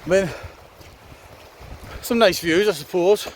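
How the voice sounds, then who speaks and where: A man with a slightly higher-than-average voice talks casually as he hikes. His delivery is wry and laid-back, with some swearing. It is recorded outdoors, with some wind and background noise. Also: takes it slowly. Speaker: hiking vlogger. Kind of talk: casual chat to camera while hiking. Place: outdoors on a wet, windy hiking trail. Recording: noisy, windy outdoor walking recording.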